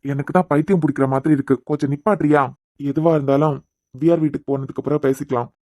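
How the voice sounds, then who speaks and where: A man voicing a steady, questioning young man in a cartoon serial, speaking with a Kanyakumari Tamil accent in a firm, reasoning way. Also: on the high side, quick pace, no echo, studio quality, natural voice. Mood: exasperated. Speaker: voice actor.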